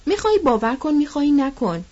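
A woman's voice: sits high, sing-song, dark tone, pitched above the performer's own voice. A woman reading the lines of a proud, impatient young woman who speaks curtly and cuttingly. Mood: curt, scornful. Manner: curt and cutting. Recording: dull lo-fi recording.

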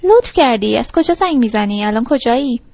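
A woman voicing a sharp-tongued young woman woken by a late phone call, curt and then coy, in an audiobook reading. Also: on the high side, animated, gravelly, dry recording. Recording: dull lo-fi recording.

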